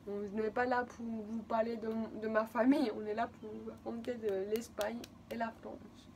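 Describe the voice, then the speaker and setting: A woman in her twenties from Spain, native in Spanish, vlogs a rambling, repetitive and emotional personal story in Spanish-accented French. Her voice is fairly high and darkish, with vocal fry and little pitch movement, at a moderate pace. A little hiss or hum runs underneath.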